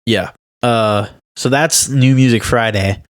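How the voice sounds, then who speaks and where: A young man with a mid-range voice co-hosts a podcast, speaking at a slow pace. In this casual chat he tells stories in an animated, emphatic way, laughing along.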